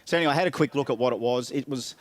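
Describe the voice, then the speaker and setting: A man's voice: mid-range voice, rapid-fire. An Australian man telling a long, joking story as a guest in a casual interview, often laughing and acting out other people's lines. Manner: chatty yarn-spinner, laughs often, acts out others' lines. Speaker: event guest, driver.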